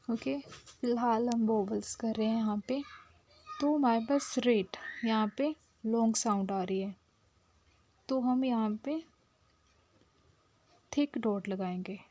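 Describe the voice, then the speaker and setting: A woman explains shorthand in a slow, unhurried lesson. Her voice sits a little high but has a soft, mellow tone. She checks in patiently and sometimes drops almost to a whisper while she writes. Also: breathy edge, dry recording. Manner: patient, repeats "theek hai" often, drops to a near whisper while writing. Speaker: shorthand teacher. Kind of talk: step-by-step lesson, mixing Hindi and English.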